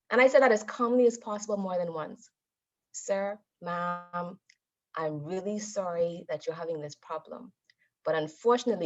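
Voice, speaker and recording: A Toastmasters member appears as a guest speaker, giving a motivational talk in a somewhat low voice. She delivers her instruction deliberately and emphatically, like a trained public speaker, over slightly dull, lo-fi audio.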